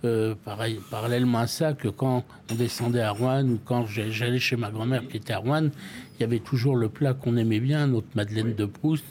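Older French man, restaurateur, halting and repetitive, mid-pitched. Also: darkish tone, a little hiss or hum. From France. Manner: hesitant, frequent repeated words and restarts. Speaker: restaurant owner. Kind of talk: interview, casual storytelling.

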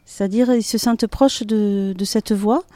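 A woman's voice: mid-range voice, steady tone, unhurried, dark tone, no room sound. A woman with a Toulouse accent giving a conversational interview, often hesitating as she searches for words. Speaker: guest, metro announcer and singer. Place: hotel courtyard in city centre.

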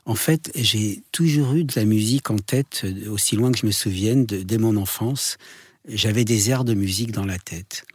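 A middle-aged man with a French accent answering in a conversational radio interview, halting and repeating words as he explains. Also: fairly low pitch, darkish tone, breathy edge, dry recording, clean studio sound. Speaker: interview guest, composer.

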